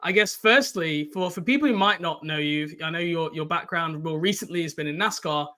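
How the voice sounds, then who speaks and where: A man's voice: fairly high pitch, fairly quick, bright, forceful tone. A man hosting a podcast interview, jokey and chatty, asking long rambling questions with restarts. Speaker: podcast host.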